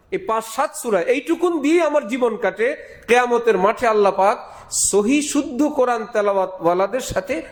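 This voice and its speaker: High-voiced man preaching a sermon. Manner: emphatic, repeats key phrases, rhetorical questions. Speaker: Islamic preacher. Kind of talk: Bengali waz sermon.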